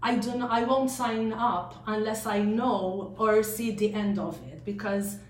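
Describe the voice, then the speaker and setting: A woman with a Maltese accent answering casual interview questions as a real estate agent, often starting haltingly. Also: mid-range voice, steady tone. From Malta. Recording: echoey room, faint noise.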